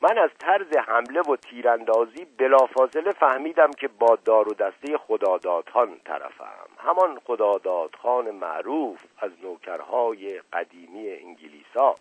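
A man reading aloud, voicing a pompous, hot-tempered older uncle who boasts of old battles and shouts down interruptions. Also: medium pitch, expressive, hardly any pauses, breathy edge, no echo. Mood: storytelling. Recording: dry, narrow phone-like sound.

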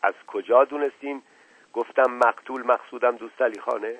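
A man voicing a bossy, suspicious police inspector who shouts his questions, on a dull lo-fi recording. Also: mid-range voice, fairly even intonation, slightly rough. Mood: commanding. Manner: barking, suspicious, interrogating.

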